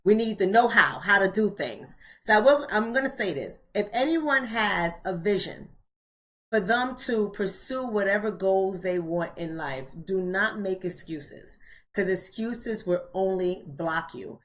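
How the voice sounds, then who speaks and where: With a medium-pitched, expressive and fairly bright voice, an American woman around forty leads a live online book club at an unhurried pace. She's colloquial and speaks directly to viewers, repeating phrases to stress them.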